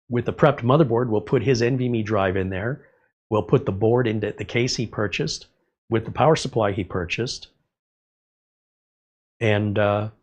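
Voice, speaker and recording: A middle-aged man hosts a casual livestream, rambling along and reading viewer comments aloud. His medium-pitched voice has a darkish tone and sounds slightly congested.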